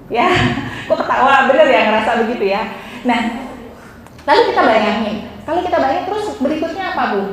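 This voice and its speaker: A woman giving a lively, interactive mental health talk to teenagers, often asking the audience questions. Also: high voice. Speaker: seminar speaker on mental health. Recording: echoey hall with faint noise.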